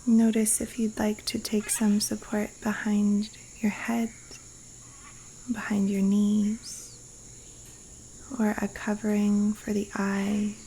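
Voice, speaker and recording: With a completely flat, medium-pitched delivery, a woman talks listeners through a yoga nidra meditation in a hushed, breathy, soothing voice full of long pauses. She's outdoors in a Costa Rican jungle. The low-quality recording carries a faint layer of crickets, insects and rainforest wildlife.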